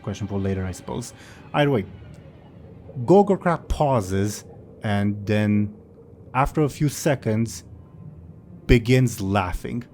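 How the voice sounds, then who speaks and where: A man's voice: fairly low pitch, lively intonation, slow pace, pauses often, darkish tone, faint music behind. A man narrating as game master of a tabletop game, thinking aloud and using fillers.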